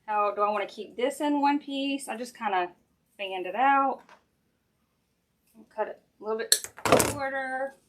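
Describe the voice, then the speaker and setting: A woman's voice: on the high side, a little slow, pauses often, a little hiss or hum. A woman with a Southern US accent chats casually and folksily to viewers, thinking aloud while she works on a craft at home. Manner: chatty, folksy, addressing viewers directly. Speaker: craft maker hosting a live stream. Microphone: sensitive live-stream camera mic.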